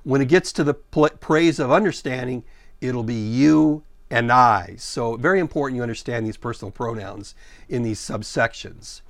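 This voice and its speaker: A middle-aged male pastor delivering an expository sermon at a medium pitch. He reads scripture in a slow, deliberate way and then explains it in a plain teaching tone. The recording is dry, with little room sound. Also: dry recording. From born in Sudan, raised in Ethiopia and America.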